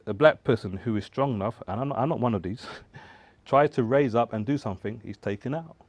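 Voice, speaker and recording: A man appears as a guest in a casual studio discussion, speaking emphatically, tossing out rhetorical questions, and joking and laughing now and then. His mid-range voice is a little fast and a little mellow, with no echo.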